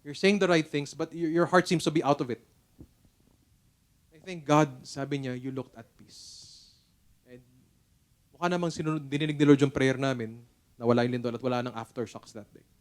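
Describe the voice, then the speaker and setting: A man's voice: fairly high pitch, a little fast. A middle-aged man with a Filipino accent preaching a sermon at a church service, telling stories in an earnest, conversational way. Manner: mixes English and Tagalog, storytelling, earnest. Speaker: pastor.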